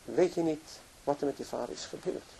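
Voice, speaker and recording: Young female friend, soft and apologetic, voiced by a husky male storyteller. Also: a little high, a little fast, rough recording. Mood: gentle. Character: young woman friend, gentle and sorry.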